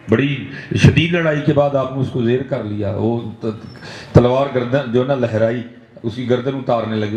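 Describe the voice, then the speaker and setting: Mellow-voiced preacher with a Punjabi-inflected accent. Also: male voice, medium pitch, a little hiss or hum. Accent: Punjabi-inflected Urdu. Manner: rhetorical, keeps checking in with the audience with a questioning "hain?"; switches into Punjabi for emphatic exhortation. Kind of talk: sermon to a gathering. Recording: echoey, slightly dull hall recording.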